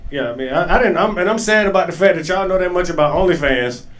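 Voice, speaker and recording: A male stand-up comedian with works a club stage. His voice sits a little high, and he talks loosely and profanely, laughing through his own stories. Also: animated, quick pace, fairly bright tone. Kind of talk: stand-up set.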